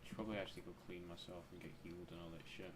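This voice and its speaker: A man's voice: low voice, fairly even intonation, racing. A man doing casual gameplay commentary, muttering to himself and swearing freely. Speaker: gamer. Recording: clear game noise behind voice.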